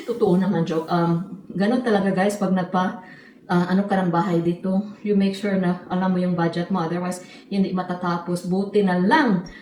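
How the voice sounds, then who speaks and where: Casual home vlogger, woman from the Philippines, middle-aged, mellow tone, roomy echo. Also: medium pitch, a little hiss or hum. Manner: chatty, joking, mixes Tagalog and English. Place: house interior, new home. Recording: echoey room.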